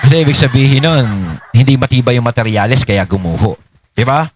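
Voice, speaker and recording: A man's voice: medium pitch, a little fast, very noisy. A man co-hosting political commentary, sarcastic and chuckling, asking rhetorical questions. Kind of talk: political reaction talk.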